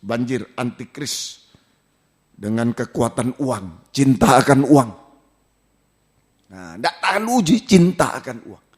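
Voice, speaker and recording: A man from Indonesia, preaching a sermon as pastor and asking the congregation questions, swinging from loud exclamations to low asides. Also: expressive, slow, long pauses, husky.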